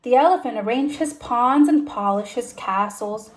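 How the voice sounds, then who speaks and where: A woman teacher reading a children's storybook aloud in an expressive, deliberate way with emphasized phrases. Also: fairly high pitch.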